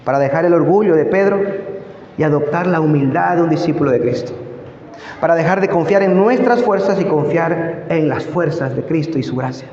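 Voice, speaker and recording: Pastor, male, high voice, emphatic sermon delivery, reverberant church hall recording. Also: lively intonation, fairly quick, a little mellow, slight background noise. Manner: emphatic preaching with rhetorical asides. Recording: echoey church hall, dull lo-fi sound.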